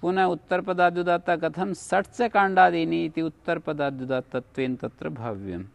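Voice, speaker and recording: A man's voice: a little high, moderate pace, gravelly, no room sound. A man teaching a Sanskrit grammar class, going through rules one by one and checking whether the students have understood. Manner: explains rule by rule, checks understanding. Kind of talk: classroom lecture.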